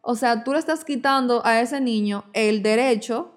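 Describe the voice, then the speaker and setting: A woman's voice: fairly high pitch, normal speed. A woman co-hosting a podcast, chatting casually and acting out voices when she tells a story. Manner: animated storyteller, acts out quoted voices. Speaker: podcast co-host. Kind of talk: casual chat.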